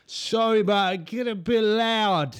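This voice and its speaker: A man voicing a loud, boisterous drunk young male tourist who shouts over the music and slurs apologies. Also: high-pitched, fairly even intonation, clear, resonant tone, no echo, voice pushed up, lightly acted. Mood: apologetic.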